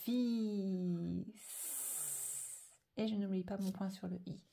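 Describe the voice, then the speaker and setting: A woman teaching a slow handwriting dictation lesson, carefully drawing out each sound and letter. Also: mid-range voice, level tone, vocal fry, warm tone. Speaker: primary school teacher.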